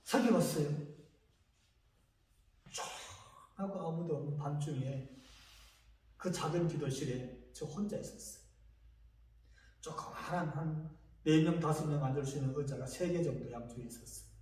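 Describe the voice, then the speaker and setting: A man's voice: on the high side, moderate pace, pauses often, a little mellow. A middle-aged male pastor giving an emotional testimony in a sermon, telling his story with shifting intensity. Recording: echoey church hall picked up from a distance.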